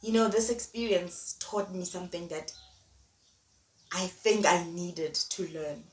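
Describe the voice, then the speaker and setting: A woman's voice: lowish voice, fairly even intonation, a little slow. A young woman giving a motivational monologue, talking emphatically and repeating her key phrases. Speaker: vlogger. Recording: echoey room, distant mic, faint noise.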